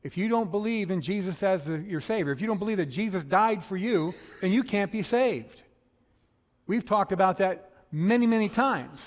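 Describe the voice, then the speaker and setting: Fast-talking pastor with a slight lisp. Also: male voice, sits high, animated. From northern United States. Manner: fast-talking, conversational storytelling. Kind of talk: sermon. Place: church sanctuary. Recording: long hall reverb.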